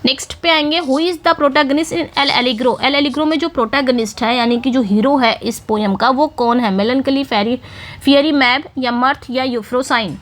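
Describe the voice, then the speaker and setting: Woman tutor, high register, patient exam-prep lecture, reads questions slowly. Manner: explains in Hindi, reads English questions slowly. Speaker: English literature teacher.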